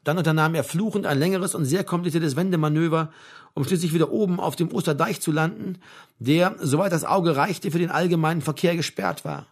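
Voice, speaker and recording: Man with a fairly high voice reading a novel. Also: fairly quick. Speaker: audiobook narrator. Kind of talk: scripted narration.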